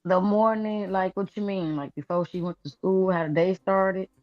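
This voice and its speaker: A woman, a bereaved mother, slowly recounting her daughter's last day on a live-stream interview. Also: medium pitch, fairly even intonation, dry recording, soft background music. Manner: halting, soft-spoken recounting. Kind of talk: emotional personal account. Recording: dull lo-fi stream audio.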